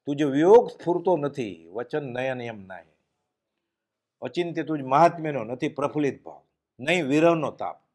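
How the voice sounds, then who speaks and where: A man's voice: lively intonation, moderate pace. Man giving a devotional discourse. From Gujarat, India. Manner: storytelling, mixing in English words, voice dropping low and quiet for solemn moments. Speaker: spiritual speaker giving a discourse.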